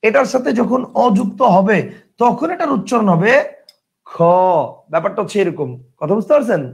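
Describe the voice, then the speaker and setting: A man's voice: sits high, animated, a little fast, vocal fry, husky. A man teaching an online grammar class, who repeats his questions and keeps asking whether the students understand. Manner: reads out viewer comments and replies.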